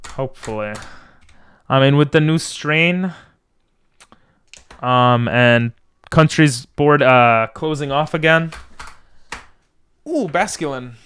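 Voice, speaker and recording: A man's voice: mid-range voice, takes it slowly, pauses often, a bit bright, clean tone. A man streaming a video game, chatting casually and drifting between asides as he talks to viewers. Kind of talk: casual livestream gaming chat.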